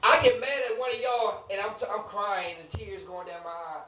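A man's voice: sits high, normal speed, bright, forceful tone, slight background noise. A male preacher delivering an emphatic sermon in a church, asking rhetorical questions with humor and chatty asides to the congregation. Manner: casual conversational asides to the congregation. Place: church sanctuary. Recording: echoey room, mic at a distance.

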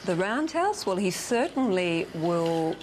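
Woman psychologist, middle-aged, measured and analytical, slightly low voice, studio lapel mic. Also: very animated, a little mellow, a little hiss or hum. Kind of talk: TV panel commentary. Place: TV studio, indoors.

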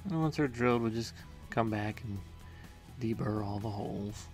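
Low gravelly man narrating a workshop build. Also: moderate pace, a little mellow, faint music behind. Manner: plain, matter-of-fact explaining with small hesitations. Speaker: home workshop maker. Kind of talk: casual voice-over narration of a build.

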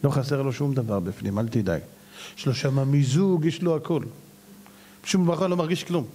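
A man's voice: medium pitch, mellow. A male rabbi giving a sermon to a live class, telling stories dramatically and firing off rhetorical questions.

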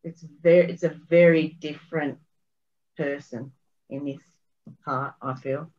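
A woman's voice: sits low, fairly even intonation, a little slow, highs cut off. A woman panelist on a video call, musing tentatively over a clip and trailing off. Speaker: body language panelist. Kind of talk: casual analysis on a video call.

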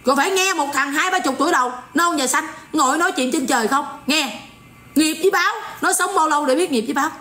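A woman's voice: high-pitched, fast, pushed and bright, roomy sound. A woman in her forties with a Southern Vietnamese accent, ranting in sarcastic, scolding commentary. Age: 40s. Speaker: online commentator.

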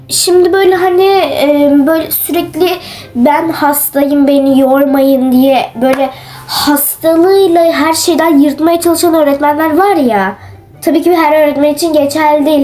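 A woman's voice: high voice, darkish tone. A woman casually talking to her viewers as the creator of a game role-play video. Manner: chatty, addressing viewers as friends.

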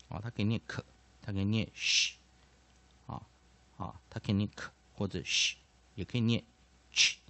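Gravelly, animated man teaching. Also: mid-range voice. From Taiwan. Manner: frequent filler particles, repeats each point. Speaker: English pronunciation teacher. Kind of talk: explanatory lesson.

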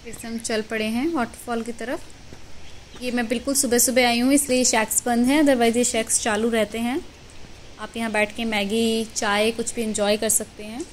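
A woman with a fairly high, flat-sounding voice vlogs while hiking a mountain trail near a waterfall, cheerfully showing her viewers the sights. This travel vlogger's walking commentary is captured on an outdoor phone, with rushing water audible in the background.

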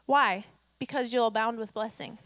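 High-voiced woman preaching a sermon. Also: normal speed, a bit bright, no echo. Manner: exhortative, rhetorical questions, acts out quotes. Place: church auditorium stage. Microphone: handheld mic.

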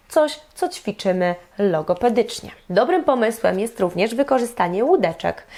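A young woman, a speech therapist, giving a lively instructional lesson and speaking directly to her viewers. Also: mid-range voice.

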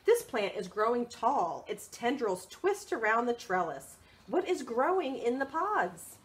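Reading a picture book to children at storytime, a woman with a voice on the high side speaks unhurriedly. Her delivery is expressive and sing-song, and she asks the young listeners questions along the way.

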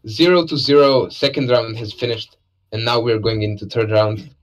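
A man's voice: mid-range voice, fairly even intonation, normal speed, a little hiss or hum, poor audio. Laid-back joking male game commentator. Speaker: esports commentator. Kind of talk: casual live game commentary.

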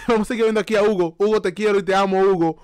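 High-voiced dude streaming from home, laughing, excitable, dry close sound, says stuff over and over. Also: male voice, rapid-fire, smooth, dry recording. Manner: laughing, excitable, repeats phrases. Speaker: reaction streamer. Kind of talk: casual live-stream reaction.

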